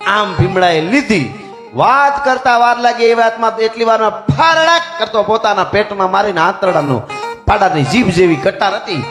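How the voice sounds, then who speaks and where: A man with a Kathiawadi Gujarati accent recounts a folk tale in a high, chatty voice, often turning to his listeners with humorous asides. The sound is echoey, with plucked string music playing behind him. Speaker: folk storyteller. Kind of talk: dayro folk storytelling.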